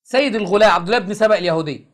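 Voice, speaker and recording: Man, Egyptian accent, show host, debating a caller, insistent, interrupting, very rapid speech. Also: high-pitched, a bit bright. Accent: Egyptian Arabic.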